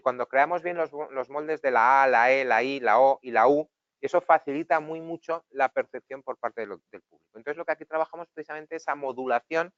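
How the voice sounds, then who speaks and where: Trainer, male, Spain Spanish accent, fairly high voice, explanatory webinar delivery, dry and muffled sound. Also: fairly bright tone, clean tone, dry recording. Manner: explanatory, demonstrating, conversational. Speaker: public speaking trainer. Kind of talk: webinar lesson. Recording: dull, dry recording.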